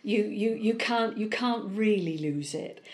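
A middle-aged woman from Bristol with a West Country accent softened by South Wales, talking chattily in an interview with frequent restarts and rolled R's. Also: mid-range voice, measured pace. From Bristol, England. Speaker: politician, interview guest. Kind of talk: conversational interview.

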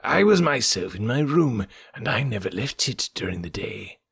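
A man's voice: fairly low pitch, big pitch swings, normal speed, gravelly, fairly bright tone, breathy edge, dry recording, clean studio sound, full character voice. A man reading an audiobook, voicing a cornered old male professor who mocks and protests. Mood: mocking. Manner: mocking, defiant.

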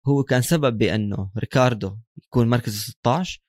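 A man's voice: medium pitch, brisk, no room sound, studio quality. A man with a Levantine Arabic accent giving casual sports commentary as a co-host in a discussion. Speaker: motorsport podcast co-host.

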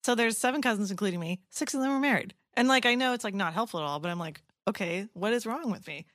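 A woman in her thirties co-hosting a podcast, chatting in an animated way that trails off softly. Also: a little high, very fast, dry recording, studio quality. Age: 30s. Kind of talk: casual chat. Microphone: podcast microphone.

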